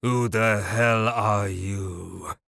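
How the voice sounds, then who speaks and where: Man doing an audiobook gang boss, bald, enraged, growling, croaking, lowered voice. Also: measured pace, bright, forceful tone, dry recording, clean studio sound. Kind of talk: audiobook character voice.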